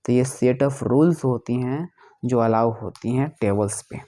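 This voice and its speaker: A man's voice: mid-range voice, unhurried, dark tone. A male teacher explaining a lesson, repeating each question and answering it himself, often correcting himself mid-sentence.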